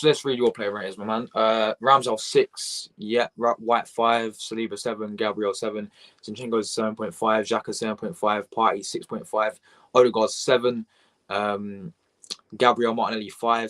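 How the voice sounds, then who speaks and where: A young man talks in a low voice, hosting a live match reaction stream. He rambles excitably and chats back and forth with his viewers. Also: normal speed. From England. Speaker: fan channel host.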